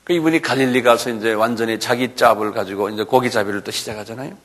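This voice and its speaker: A middle-aged male pastor preaching a sermon, acting out quoted lines with shouts and often asking the congregation "예?". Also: medium pitch, fast talker. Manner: acts out quoted voices, shouting and pleading; asks the audience "예?" often.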